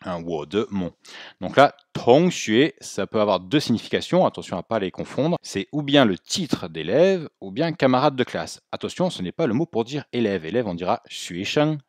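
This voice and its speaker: Low-voiced man teaching pronunciation. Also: no room sound, clean studio sound. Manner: explains patiently, models pronunciations for learners to repeat. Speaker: Mandarin teacher. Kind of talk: spoken language lesson.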